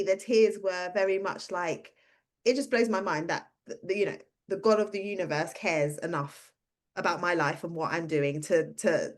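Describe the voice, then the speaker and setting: A woman in her thirties, a career coach who hosts a podcast, tells a personal story in casual conversation, acting out the voices of people she quotes. Her pitch is fairly low.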